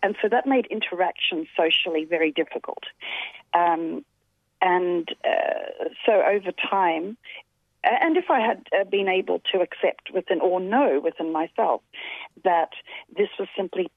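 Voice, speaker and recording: Heard through a thin, phone-like connection with a dry sound and no echo, a guest in her forties speaks in a fairly low, unhurried voice. Her interview answers are reflective, full of fillers and false starts.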